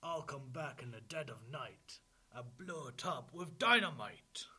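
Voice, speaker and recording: Storybook villain: man playing a gloating, greedy wolf, forceful and unhurried, relishing every boast. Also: medium pitch, lively intonation, husky, heavily acted. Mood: menacing. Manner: boastful, emphatic exclamations. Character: greedy, gloating big bad wolf, male. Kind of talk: storybook verse reading.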